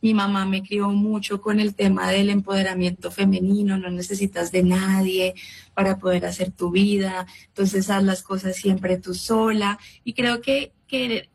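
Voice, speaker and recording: A woman in her thirties tells her faith story as a guest, earnest and reflective. Her voice is husky and breathy, and her pitch stays flat and even. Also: normal speed, poor audio. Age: 30s. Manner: earnest, reflective, with frequent restarts. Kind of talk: personal faith testimony.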